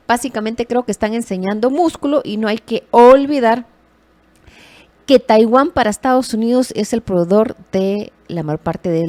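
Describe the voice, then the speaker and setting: Lively woman giving news commentary. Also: medium pitch. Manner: lively, animated emphasis with self-corrections.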